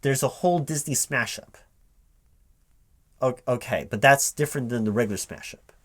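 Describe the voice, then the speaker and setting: In a spoken interview roleplay with only his side heard, a man plays a recruiting manager. His mid-range voice is a bit bright, and he sounds halting and confused as he echoes things back as questions.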